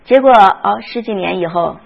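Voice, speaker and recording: A woman's voice: mid-range voice, normal speed, creaky, lo-fi sound. A woman teaching a Sunday school Bible class, often asking the class questions and retelling scenes with feeling.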